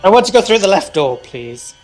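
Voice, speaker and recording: A man's voice: sits high, sing-song, fairly quick, faint music behind, rough recording. A man playing a tabletop game on a voice call, chatting casually and playfully. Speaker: game player. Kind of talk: casual joking chat. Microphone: online voice call.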